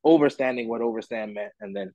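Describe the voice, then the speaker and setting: Low-voiced man, relaxed and rambling. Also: fast talker, no echo, lo-fi sound. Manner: relaxed, rambling with many fillers and restarts. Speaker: musician guest. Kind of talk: casual interview answers.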